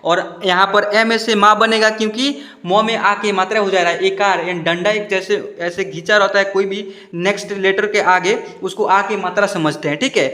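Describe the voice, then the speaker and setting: A man's voice: high-pitched, fairly even intonation, pushed and bright. Patient male teacher, echoey room. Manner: patient, repeats words slowly and checks understanding. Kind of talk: blackboard spelling lesson.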